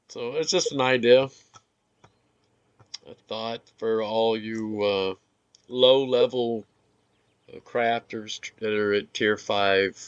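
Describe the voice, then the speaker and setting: A man giving relaxed, rambling commentary over his gameplay, with filler words and some hiccups. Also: lowish voice, smooth, no echo, highs cut off. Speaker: gaming video creator.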